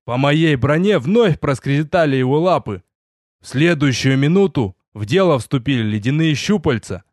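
A man narrating a first-person fantasy story in an audiobook, telling it with lively storytelling and voiced dialogue. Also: fairly high pitch, normal speed, dry recording, clean studio sound.

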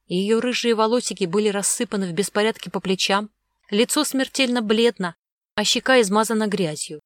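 A woman reads a fairy-tale audiobook in an even, measured way. Her voice is mid-pitched and the sound is close and dry. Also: no echo. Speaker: audiobook narrator. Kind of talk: scripted narration.

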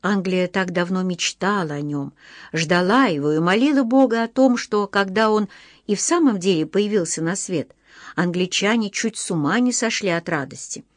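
A woman narrating a children's audiobook in a measured, expressive way, slowing down for emphasis. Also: mid-range voice, no echo, studio quality. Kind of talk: audiobook reading of a children's book.

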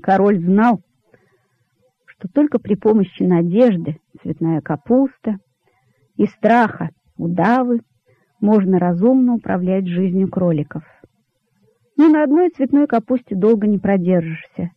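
A male audiobook narrator giving a measured, expressive storybook reading. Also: sits high, no room sound. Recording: dull lo-fi dry recording.

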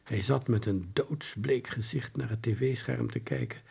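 An audiobook reader with a gravelly male voice narrates a children's book from a script. His storytelling is lively and unhurried, with plenty of pitch variation.

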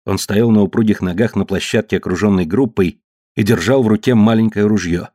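A man narrating a story in a measured audiobook reading. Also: lowish voice, dark tone, no echo, clean studio sound. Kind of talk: scripted narration.

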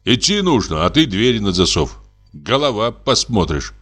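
A man's voice: fairly low pitch, sing-song, moderate pace, a bit bright, soft background music. A man reading an audiobook voices a bold, impatient male hunter who gives brusque commands. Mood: urging impatiently.

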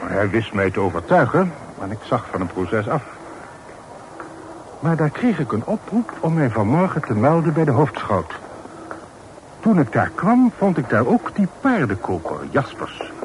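A man with a medium-pitched, very animated, natural voice speaks at normal speed as an actor in a Dutch radio play. He plays an earnest, deferential townsman who formally and politely reports troubling news to a gentleman, sounding earnest and indignant. The old radio play recording is noisy.

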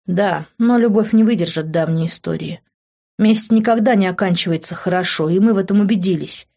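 A woman's voice: medium pitch, fairly quick, gravelly, dark tone, dull audio. A woman reading an audiobook voices a worried, caring middle-aged mother who sighs wearily. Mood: weary. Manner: soothing, then weary sighs.

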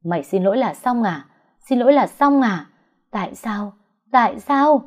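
In a story reading captured on dull, lo-fi audio, a woman plays a young woman who feels betrayed and is furious, screaming accusations and choking on sobs. She shrieks her charges and keeps breaking down into tears. Her own voice is fairly low, animated, unhurried and slightly mellow.

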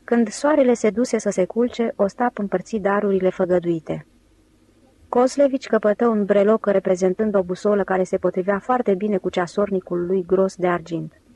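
A woman narrating an audiobook in an even, steady reading voice. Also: mid-range voice, no room sound. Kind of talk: scripted narration.

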